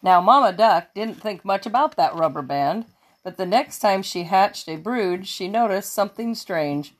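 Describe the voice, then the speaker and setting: A woman reading a children's picture book aloud, slow and expressive, now and then fixing a slipped word. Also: medium pitch. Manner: slow, expressive storytelling with small self-corrections. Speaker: children's story reader.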